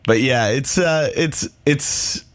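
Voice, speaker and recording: A man's voice: medium pitch, slow, no room sound. A man talking casually as a musician guest in an interview, with a self-deprecating, easygoing way of speaking. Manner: self-deprecating, laughs easily.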